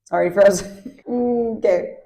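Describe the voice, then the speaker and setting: A woman's voice: medium pitch, normal speed, mellow. A young woman co-hosting a casual chat podcast, ranting with exaggerated, playful sarcasm. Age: young adult. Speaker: podcast co-host.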